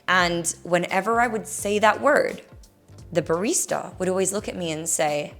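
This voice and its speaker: A woman's voice: on the low side, moderate pace, fairly bright tone, soft background music. A young woman from Australia with a mixed Australian and American accent, frankly answering viewer questions in a casual vlog. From Australia, Gold Coast. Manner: candid, frank, chatty.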